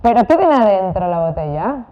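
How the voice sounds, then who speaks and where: A woman's voice: mid-range voice, brisk, highs cut off. A woman telling a story to children at church, often quizzing them with questions. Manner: animated, questioning the kids. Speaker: children's Sunday school teacher.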